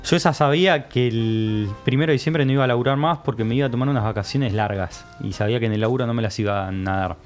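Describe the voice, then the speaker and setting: A young man with a Rioplatense accent, a podcast guest telling an animated story in casual chat and acting out the people he quotes. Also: mid-range voice, quick pace, hardly any pauses, soft background music. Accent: Rioplatense Spanish.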